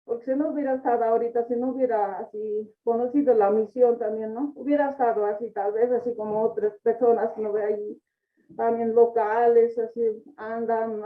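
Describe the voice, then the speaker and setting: A woman giving a halting personal testimony in church, tagging nearly every phrase with a question. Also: fairly high pitch, fairly even intonation. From Bolivia. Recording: echoey hall from far off, tinny phone-like sound.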